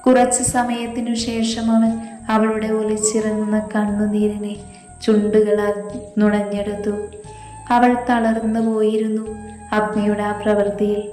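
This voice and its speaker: A woman reading a romance story aloud in an even, unhurried way. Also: mid-range voice. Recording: roomy echo, faint background music. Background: faint music.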